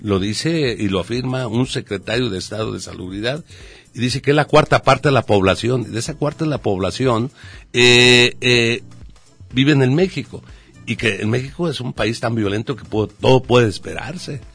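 A man's voice: medium pitch, moderate pace, vocal fry, fairly bright tone, breathy edge, soft background music. A man speaking as a guest on a radio talk show, earnest and repeating his points. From Mexico. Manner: earnest, repetitive.

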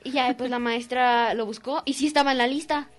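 A teenage girl with a Mexican Spanish accent, co-hosting a youth radio show and telling a story in a casual, animated way, acting out the voices. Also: high voice, brisk, soft background music. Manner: animated, acts out voices in her story, giggly. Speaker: young radio co-host. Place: radio studio.

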